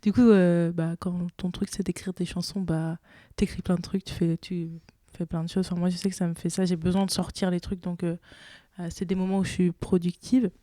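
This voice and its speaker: Young woman, interview guest, hesitant, filler-heavy, lowish voice, dry recording. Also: level tone, a little fast, dark tone, dry recording. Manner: hesitant, many fillers and restarts. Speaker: singer-guitarist guest. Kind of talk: casual interview chat.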